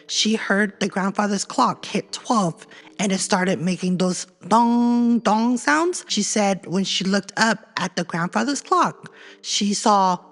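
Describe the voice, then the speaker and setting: A woman's voice: medium pitch, slow pace. An American woman podcast host telling spooky local urban legends in a casual, chatty, slangy storytelling way. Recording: long hollow reverb on the voice.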